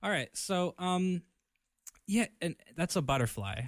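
A man hosting a casual radio interview in a studio, chatty and relaxed, full of fillers and easy laughs. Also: high voice, a little slow, no room sound. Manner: laid-back, chatty, filler-heavy, laughs easily. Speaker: radio DJ and host. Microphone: studio microphone.

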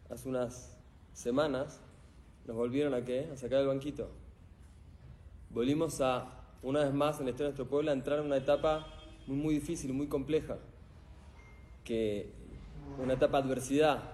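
A middle-aged motivational speaker with a mid-range voice and Argentine Spanish accent addresses a full event hall live, with no microphone. He's an animated storyteller who keeps turning questions on the audience.

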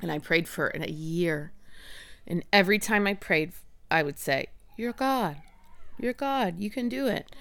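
A woman's voice: mid-range voice, gravelly, clear, resonant tone, no room sound. A woman in her forties telling an emotional personal story about her family. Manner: earnest, emotional, acts out quoted voices. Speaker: interviewee, mother.

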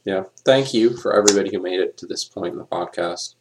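A man with a very low, gravelly voice chats on a casual podcast. His delivery is a flat monotone full of fillers, and he coughs now and then. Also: fast, background noise. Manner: filler-heavy, rambling. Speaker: podcast co-host.

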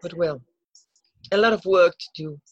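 Her fairly low, slightly rough voice moves at a normal speed, recorded with no echo but dull audio. A Spanish-accented native Spanish speaker, she talks with earnest emotion in a heartfelt exchange, repeating herself and reaching for English words as though translating mentally.

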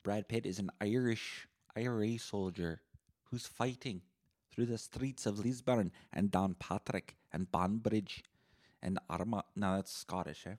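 A man with a low voice hosts a solo podcast. He tells long, rambling stories full of swearing. His delivery stays deadpan. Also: unhurried. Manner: rambling, profane, deadpan storytelling. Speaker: podcast host.

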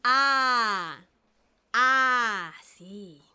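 A woman playing a naive middle-aged gentleman who gushes with wonder as he repeats his lessons, in a dramatic reading. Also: high-pitched, very animated, moderate pace. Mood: awed, eager. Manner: gushing, repeats sounds with wonder. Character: naive middle-aged male social climber, eager. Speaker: reader playing a pupil.

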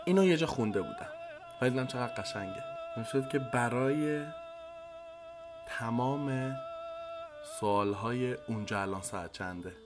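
A man's voice: medium pitch, pauses often, music in the background. A man chatting playfully in a casual discussion, addressing his friends directly.

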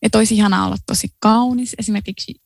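A woman's voice: mid-range voice, fairly even intonation, gravelly, no echo. A woman co-hosting a book podcast, chatting casually and musing aloud with fillers and laughs. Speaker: podcast co-host. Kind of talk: casual chat about books.

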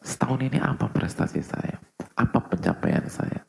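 A man preaching a sermon to a live audience, asking rhetorical questions and swinging between soft asides and loud emphasis. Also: mid-range voice, animated, normal speed, vocal fry, a little hiss or hum. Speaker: Islamic preacher.

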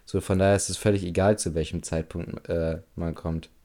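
A man chatting casually on a podcast, calmly reasoning through the details and backing up his co-host with short agreeing sounds. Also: deep voice, brisk. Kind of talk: casual chat.

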